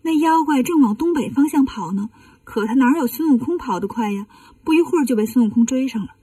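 A woman narrating a classic tale for children, gentle and explaining. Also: high voice, expressive, a little fast, breathy edge, dry recording, far from the mic. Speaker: children's storyteller.

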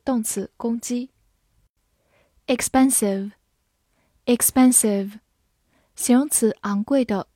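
A woman teaching English vocabulary, reading each word twice with its meanings in a measured scripted lesson. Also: a little high, dark tone, dry recording, clean studio sound. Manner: reads each word twice, then part of speech and meaning.

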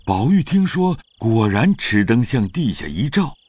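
A man narrating a classic novel in an audio drama, in an expressive storytelling manner. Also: mid-range voice, measured pace, breathy edge, no echo.

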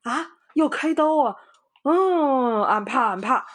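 A woman's voice: low voice, lively intonation, a little slow, breathy edge, exaggerated voice. A woman voicing a greedy, lazy male pig demon who groans and whimpers in a storybook reading. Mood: panicked.

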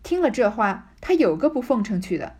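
A woman's voice: a little high, very animated, a little fast, mellow, husky. A woman playing Yuanyang, a furious young maid. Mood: scornful. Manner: scolding, cursing sharply. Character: defiant young maidservant, proud and furious.

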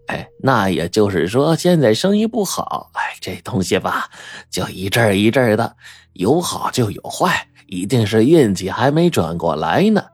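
A man voicing a smooth middle-aged team leader who gently probes for information. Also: fairly low pitch, sing-song, moderate pace, no echo. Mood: probing. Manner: soothing, fishing for information.

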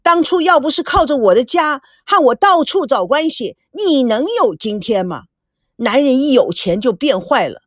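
A woman voicing a hysterical, wronged middle-aged wife and mother who wails shrill accusations, in a dry close recording. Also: expressive, moderate pace, dry recording. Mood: accusing.

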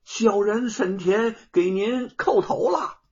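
Guy putting on a fawning lackey, high and stammering, muffled sound. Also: slow pace, a little mellow, slightly rough, heavily acted. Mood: flustered. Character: servile bumbling male lackey, false witness. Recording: dull lo-fi recording.

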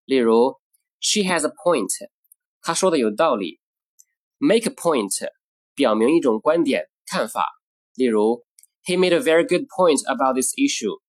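A man hosting a short English lesson, saying English phrases slowly and explaining them in Mandarin. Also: mid-range voice, expressive. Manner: slow, deliberate model phrases, then explains in Mandarin. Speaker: English teacher. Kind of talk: scripted language lesson.

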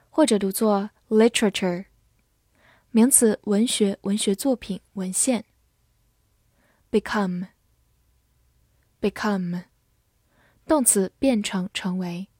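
A woman English teacher reading a vocabulary drill, saying each word twice in a measured way before giving its meanings. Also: mid-range voice, mellow, husky, no echo, clean studio sound.

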